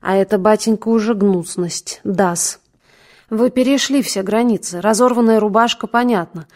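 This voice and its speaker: A woman's voice: mid-range voice, normal speed, a little mellow, lightly acted. Woman voicing a brusque fatherly male doctor. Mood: stern. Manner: stern then fussing, fatherly. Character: brusque middle-aged male doctor, clinic owner.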